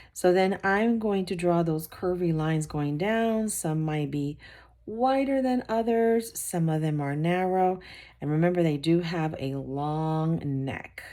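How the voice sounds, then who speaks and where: A woman's voice: sits low, a little mellow. A woman teacher giving a patient, step-by-step drawing lesson for children, repeating each step and encouraging them.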